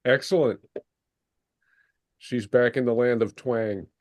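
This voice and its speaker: A man's voice: medium pitch, steady tone, takes it slowly, a little mellow, no echo. A man hosting a casual group conversation. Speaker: host, moderator. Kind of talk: casual chat.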